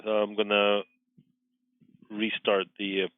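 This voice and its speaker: A lowish male voice comes through a thin, narrow-band mission radio loop. He makes flight control calls in a halting way, filling gaps with hesitations. The sound is boxed in and phone-like. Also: monotone, dry recording. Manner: halting, with frequent fillers. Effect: tinny mission radio loop. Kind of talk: space-to-ground radio calls.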